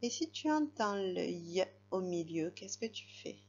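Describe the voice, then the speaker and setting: Slow, patient woman dictating spelling words. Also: fairly low pitch, expressive, a little mellow. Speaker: teacher. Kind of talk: spelling dictation lesson for a child. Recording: slightly dull, lo-fi recording.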